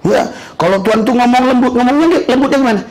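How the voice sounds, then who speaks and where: A middle-aged man from Indonesia preaching a sermon, animated, acting out little dialogues with questions and calling out hallelujahs. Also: very high-pitched, fast, a crowd in the background. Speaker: pastor. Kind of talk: sermon with storytelling.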